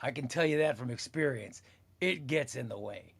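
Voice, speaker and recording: Reading live comments on his comics stream, a fifties-aged host chats casually, rambles, and says the same phrases again. His medium-pitched voice has lively intonation, a slightly rough edge with vocal fry, and a normal speed.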